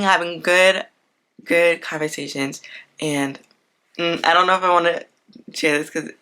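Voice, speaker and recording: A woman's voice: lowish voice, sharp tone. A woman in her twenties hosting a podcast, talking through her week in a chatty, earnest, unscripted way with lots of "like". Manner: chatty and earnest, leans heavily on "like". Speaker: podcast host. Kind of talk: unscripted casual chat.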